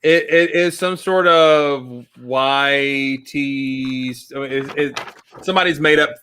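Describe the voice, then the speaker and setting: A man who works as a kids pastor, chatting on a stream in an easygoing, halting way and laughing at himself. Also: mid-range voice, steady tone, bright, forceful tone, clean tone. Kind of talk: casual chat on a live stream.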